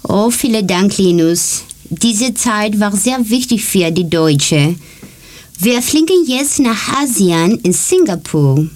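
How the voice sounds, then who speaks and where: A woman from Greece reads her part of a student presentation in careful German. She speaks slowly, with the steady pacing of a language learner reading from a script. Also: medium pitch. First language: Greek. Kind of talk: read-aloud presentation.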